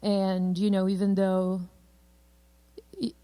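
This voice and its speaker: A woman, a theater director, speaking gently in an interview. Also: medium pitch, monotone, slow pace. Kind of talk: casual interview talk.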